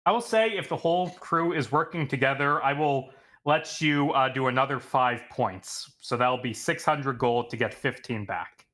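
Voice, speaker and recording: A man's voice: mid-range voice, normal speed, a bit bright. A man running a tabletop game as game master, narrating loosely with lots of fillers.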